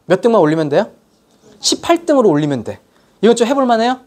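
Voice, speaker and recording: Animated woman giving a motivational lecture. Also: on the high side, quick pace. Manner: animated storytelling, questions to the audience. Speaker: seminar lecturer. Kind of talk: motivational sales seminar lecture.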